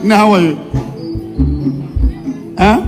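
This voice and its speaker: A man's voice: sits high, slow pace. A man with a Nigerian accent, an evangelist leading a church deliverance session with short, repeated questions and commands. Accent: Nigerian Igbo-English. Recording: echoey church hall with music.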